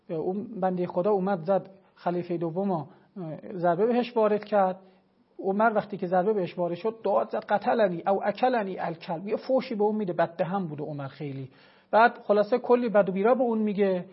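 A man's voice: high-pitched, husky. Emphatic male religious scholar, lo-fi. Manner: emphatic, argumentative, cites sources. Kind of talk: televised religious lecture.

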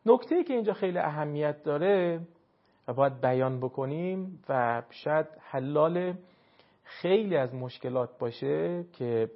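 A man teaching Quran recitation in a measured, explanatory way, stretching out key words to stress his points. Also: animated. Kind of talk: explanatory lesson. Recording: muffled low-fidelity audio.

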